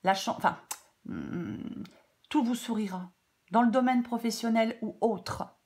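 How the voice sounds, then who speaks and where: Casting: female tarot reader, stuffy-nosed with a cold, informal and halting, breaking off into chatty asides. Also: a little high, a little mellow. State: congested blocked nose from a cold. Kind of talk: casual off-the-cuff tarot guidance.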